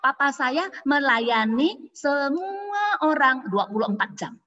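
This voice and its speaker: Woman, bright high voice, swooping animated delivery, dull echoey hall sound. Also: slow pace. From Pontianak, Indonesia. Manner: lively, acts out others' voices in her stories. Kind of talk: casual storytelling testimony. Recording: dull audio with long hall reverb.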